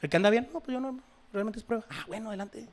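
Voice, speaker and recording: A man's voice: high-pitched, fast. Emphatic Spanish-speaking man preaching a sermon. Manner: emphatic, swings between loud exhortation and soft asides. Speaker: pastor.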